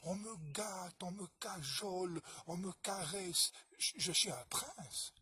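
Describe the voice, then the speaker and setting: A man's voice: sits high, bright, forceful tone, breathy edge, no echo, voice pushed up, heavily acted. A man doing a pampered boastful farm dog. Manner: eager, boastful, quick to agree.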